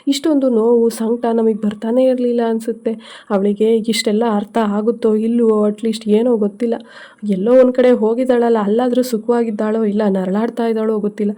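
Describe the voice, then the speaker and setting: A woman's voice: a little high, level tone, brisk, dark tone, natural voice. A woman voicing a grieving middle-aged mother who laments and scolds in a bitter, despairing way. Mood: lamenting.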